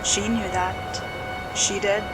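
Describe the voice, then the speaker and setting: A woman narrating a horror story slowly and dramatically, dropping to a hush at tense moments. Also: medium pitch, level tone. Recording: spooky music bed under voice.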